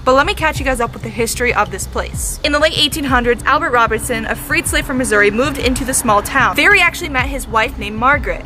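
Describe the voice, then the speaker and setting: A young woman in a casual, chatty ghost-hunting vlog, talking directly to spirits and to her viewers. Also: a little high. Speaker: paranormal vlogger.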